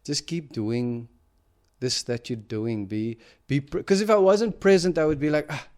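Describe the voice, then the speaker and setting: A man's voice: on the high side, measured pace, a little mellow. A man hosting a podcast, telling a personal story in a reflective, casual way, with many fillers and restarts. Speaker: podcast host.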